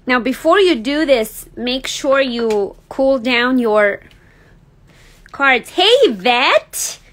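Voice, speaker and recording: A woman's voice: high-pitched, lively intonation, takes it slowly, a bit bright, poor audio. A woman from Serbia, hosting a casual card-making livestream from her craft desk, chatting and thinking aloud as she works and laughing easily. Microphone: overhead camera on desk.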